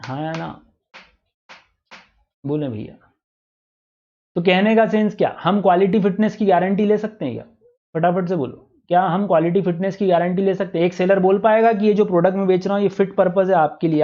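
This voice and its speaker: A male teacher giving a classroom lecture, who keeps asking the class for quick answers. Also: high voice. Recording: dull lo-fi classroom recording.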